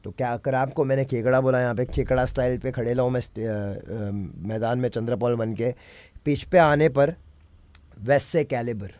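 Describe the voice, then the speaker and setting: A man's voice: medium pitch, normal speed, a little mellow, no echo. Dry-voiced man. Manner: keeps checking the listener understands, mixes English phrases into Hindi. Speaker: rapper explaining his lyrics. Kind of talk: casual lyric breakdown.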